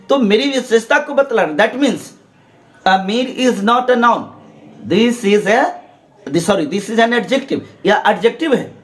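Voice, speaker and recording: High-voiced, slow-paced male English teacher. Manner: explains step by step, asks and answers his own questions; drills learners to repeat aloud. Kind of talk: Hindi-language English grammar lesson.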